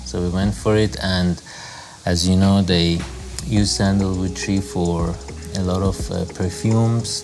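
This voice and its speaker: A man who grew up in Zimbabwe, a lodge owner talking casually in an interview, relaxed and rambling with many fillers. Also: deep voice. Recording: music playing under the voice.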